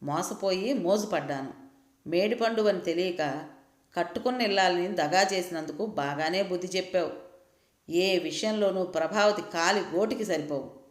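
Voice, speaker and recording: Storybook figure: irritable regretful husband read by a woman, low-pitched, complaining, echoey room sound. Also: normal speed, lightly acted. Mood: bitter. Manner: complaining, reproachful. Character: grumbling married man, regretful and irritable. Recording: roomy echo.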